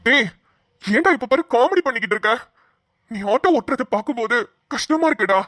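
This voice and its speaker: A woman's voice: on the high side, lively intonation, fairly quick, a bit bright, no room sound, clean studio sound, pitched below the performer's own voice. A woman voicing a stern older man who keeps scolding and pleading with a younger man, in cartoon voice acting. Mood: exasperated.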